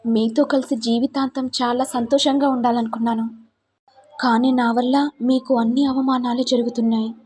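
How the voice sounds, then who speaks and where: A meek young wife, devoted and heartbroken, voiced by a woman narrator. Her high voice is husky and soft-edged, with a dark, mellow tone, in a spoken family drama retelling. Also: level tone, normal speed, soft background music. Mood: sorrowful. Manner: pleading, sorrowful.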